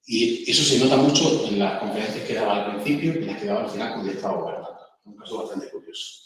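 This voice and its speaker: A man's voice: fast, slight background noise. Male workshop instructor, explanatory and demonstrative, distant mic in a very echoey hall. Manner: explanatory, demonstrates pitch exercises aloud, frequent "¿vale?". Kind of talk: lecture with vocal demonstrations. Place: lecture room. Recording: echoey room, voice from far off.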